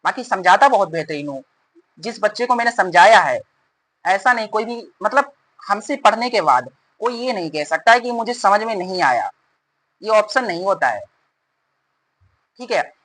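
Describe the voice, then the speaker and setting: A male math teacher explaining formulas in a rapid, repetitive way and calling his students "beta". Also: high-pitched, expressive, a bit bright, low-quality recording. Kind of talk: fast classroom explanation.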